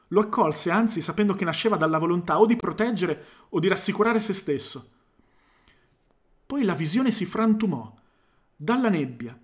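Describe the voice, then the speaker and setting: A man reading a short story aloud into a microphone, now and then pausing to correct himself. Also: high-pitched. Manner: reads aloud, stops to correct himself and comment. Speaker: reader. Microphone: studio microphone.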